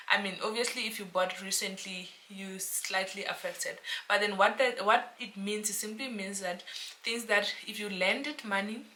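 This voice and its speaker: South african woman, real estate vlogger, bright voice, chatty and animated, filmed on her own camera. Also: mid-range voice. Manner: chatty, animated, talks to viewers as friends. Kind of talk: casual explainer vlog to camera. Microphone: camera mic, self-filmed.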